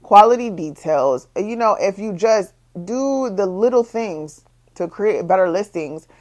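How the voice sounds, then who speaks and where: A young woman who runs her own bikini business, telling her story in a casual vlog, repeating herself and rising higher as her frustration builds. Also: lively intonation, unhurried, a little mellow. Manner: exasperated, repetitive, rises in pitch when frustrated. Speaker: small business owner, bikini designer.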